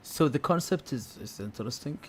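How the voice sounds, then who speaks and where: A man's voice: mid-range voice, animated, fairly quick. A man hosting a casual live stream, thinking aloud in a hesitant, unscripted way. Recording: clear background noise.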